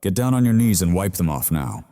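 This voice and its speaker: A male narrator voicing a spoiled, arrogant young rich man who bullies people, in a shrill, sneering, entitled way. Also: very animated, brisk, mellow. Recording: long reverb.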